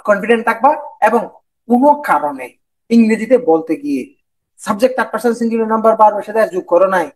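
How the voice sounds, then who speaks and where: A man's voice: sits high, expressive, fast talker, low-quality recording. A man with a Bangladeshi Bengali accent giving an online lecture as an exam interview coach, often repeating himself and mixing in English. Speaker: BCS viva coach.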